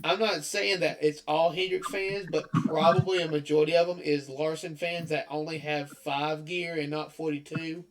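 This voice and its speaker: A man's voice: on the high side, fairly even intonation, moderate pace, hardly any pauses, a little hiss or hum. A man co-hosting a podcast in casual chat, full of hesitant restarts as he vents his opinions. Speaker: podcast co-host.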